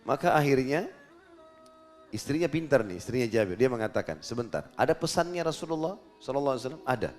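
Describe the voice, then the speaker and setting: Animated male preacher telling a story. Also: fast, soft background music. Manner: animated storyteller, acts out dialogue with pitch jumps. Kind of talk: sermon storytelling.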